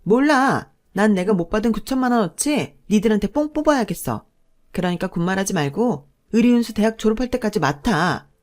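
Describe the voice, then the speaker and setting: A woman voicing a pushy, greedy middle-aged sister-in-law who scolds and bosses loudly. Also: mid-range voice, expressive, brisk, lightly acted. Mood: furious. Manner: bossy, scolding, loud in anger.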